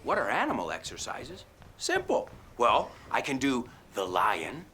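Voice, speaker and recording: A man's voice: mid-range voice, huge pitch swings, slow pace, bright, forceful tone, a little hiss or hum, heavily acted. An actor playing a goofy man in a TV comedy sketch, clowning around playfully. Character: goofy man who does animal exercises.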